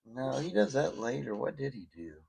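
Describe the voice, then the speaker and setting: A man co-hosting a podcast, chatting casually about a comic book with loud bursts of disbelief and a relaxed drawl. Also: mid-range voice, moderate pace, gravelly, husky, poor audio. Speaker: podcast co-host.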